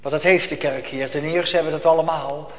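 A man preaching a sermon in a church, swinging from hushed tones to loud, emphatic lines. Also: fairly high pitch, steady tone, fairly quick. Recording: echoey church hall.

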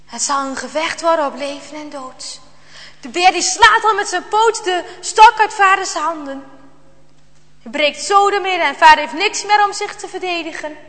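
A woman reading a children's Bible story aloud in a dramatic, slow storytelling manner, dropping to a hush at tense moments. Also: very high-pitched, big-room sound.

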